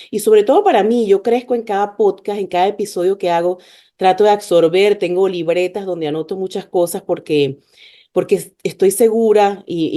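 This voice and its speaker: Woman hosting a podcast, lowish mellow voice, lots of ums and restarts. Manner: hesitant, many fillers and restarts. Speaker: podcast host. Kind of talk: podcast interview.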